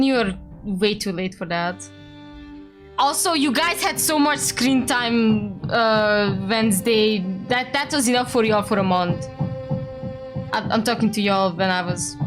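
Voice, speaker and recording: A woman livestreaming a game over a headset mic, chatting casually to her viewers in a rambling way and often correcting herself mid-sentence. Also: mid-range voice. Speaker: livestreamer playing a game with a co-host. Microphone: livestream headset audio.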